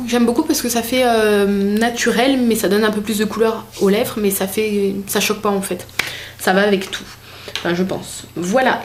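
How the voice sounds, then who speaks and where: A young woman filming a casual makeup vlog at home, talking in a relaxed, rambling way full of little fillers. Her voice sits at an ordinary middle pitch. A faint hiss runs under the recording. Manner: chatty, hesitant, many fillers and restarts. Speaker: beauty vlogger. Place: home room with a desk.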